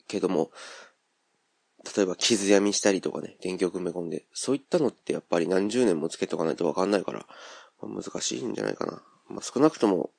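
Gravelly low-voiced Kansai man musing. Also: a little mellow, no room sound, studio quality. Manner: rambling and musing, thinks aloud with many fillers. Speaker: podcast host. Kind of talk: casual solo monologue.

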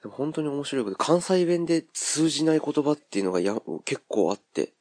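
A man's voice: a little high, sing-song, fairly quick, darkish tone, no echo. A man with a Kansai accent hosting a podcast, thinking aloud in a rambling, casual monologue full of fillers. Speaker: podcast host.

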